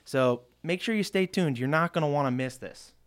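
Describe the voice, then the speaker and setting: A man's voice: on the high side, normal speed. A man hosting a radio talk show, telling stories loosely with restarts and asides.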